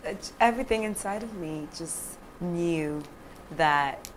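In a rough recording with a little hiss or hum, a young filmmaker from Ghana speaks slowly in a fairly low voice. Sitting on a studio sofa for a relaxed interview, she laughs frequently and talks with lively hand gestures.

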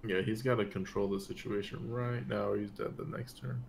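Jet-lagged male streamer, gravelly, casual game chat. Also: on the low side, fairly even intonation, brisk, slight background noise. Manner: tired, drowsy, yawning. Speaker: streamer playing a card game.

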